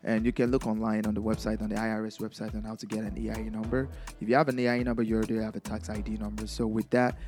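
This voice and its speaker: A man's voice: lowish voice, completely flat delivery, very fast, few pauses, darkish tone, faint music behind. A man from Nigeria with a Nigerian accent, a DJ giving casual, chatty advice in a vlog and laughing often.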